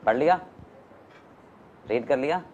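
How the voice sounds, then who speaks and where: A man's voice: mid-range voice, expressive, a little slow, a little mellow, highs cut off, a little hiss or hum. A man teaching a class, mixing Hindi and English, often stopping to question his students. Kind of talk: classroom lecture.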